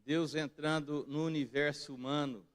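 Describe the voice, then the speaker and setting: A man with a Brazilian Portuguese accent preaching a sermon as pastor in a church, moving between quiet reflective passages and loud emphatic peaks. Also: fairly high pitch, fairly even intonation, moderate pace. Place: church sanctuary.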